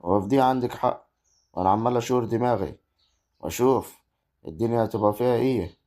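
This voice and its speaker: A man's voice: medium pitch, quick pace, warm tone, close to an everyday voice. A man with an Egyptian accent playing a young married farmer who argues and defends his wife in a village drama. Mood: musing. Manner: arguing, protesting. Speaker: actor in a web drama. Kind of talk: amateur village drama acting.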